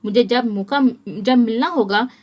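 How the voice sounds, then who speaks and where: An irritated, curt young woman brushing off an admirer, read by a woman narrator with a fairly high voice. Plain storybook audiobook delivery. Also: measured pace, darkish tone, muffled recording. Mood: annoyed. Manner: curt, annoyed.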